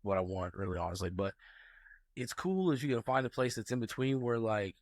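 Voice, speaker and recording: Casting: quick-talking male co-host, mid pitch, dry close mic, laughs often. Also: lively intonation, dry recording. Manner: quick, laughing, swearing casually. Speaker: podcast co-host. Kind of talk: casual chat.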